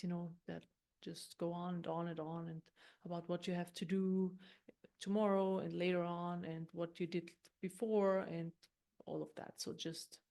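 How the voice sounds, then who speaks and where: Speaking gently and without hurry, a woman leads an improvised guided meditation, explaining things and often returning to her earlier words. Her voice is on the low side.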